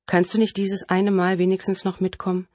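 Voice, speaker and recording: A woman's voice: mid-range voice, monotone, fairly quick, darkish tone, no room sound, pitched above the performer's own voice, natural voice. A woman voicing an infatuated adult sister who pleads and coaxes insistently in an audiobook. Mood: coaxing. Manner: insistent, coaxing.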